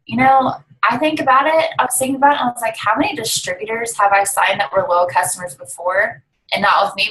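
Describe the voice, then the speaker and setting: A woman's voice: medium pitch, a bit bright, rough recording. A young woman on a video call, chatting in an upbeat way as she explains how she follows up with customers for her sales team. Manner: chatty and upbeat, walks through her routine step by step. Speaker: network marketing distributor and team leader. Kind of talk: casual video call interview.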